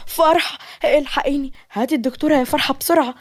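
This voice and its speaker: A woman's voice: medium pitch, very fast, warm tone, lightly acted. A woman voicing a tearful, anxious mother in an Egyptian accent. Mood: alarmed. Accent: Egyptian Arabic. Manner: anxious, pleading. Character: worried older mother, tearful.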